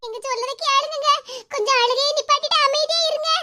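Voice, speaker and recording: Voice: extremely high pitch, steady tone, brisk. A voice actor playing a worried middle-aged aunt in a cartoon, talking in a fretful, pleading way with a Kanyakumari Tamil accent. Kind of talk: cartoon voice acting. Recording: loud background noise.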